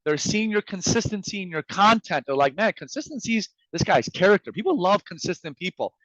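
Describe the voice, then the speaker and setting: Speaking as a guest, this Farsi-native man delivers sales advice with emphatic energy, performing example messages as he talks. He sits fairly high for a male voice and talks a little fast, and the audio is dry and somewhat muffled, as if over a video call, with no room sound.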